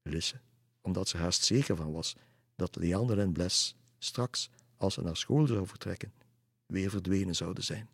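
A man narrating a children's storybook in a calm, measured reading voice, recorded on a close mic. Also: low voice, husky, no echo.

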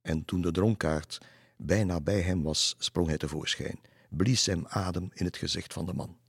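A man reading a folk tale aloud in a measured way. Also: deep voice, vocal fry, husky, no room sound, clean studio sound. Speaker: narrator. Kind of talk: storybook narration.

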